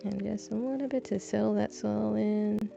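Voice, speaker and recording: A young woman livestreams from her home balcony, planting seeds and chatting in a wandering, self-deprecating manner. Her voice is medium-pitched and mellow with vocal fry, a steady tone and a moderate pace. The dull lo-fi audio, with faint music, comes from a desk mic her braids brush against.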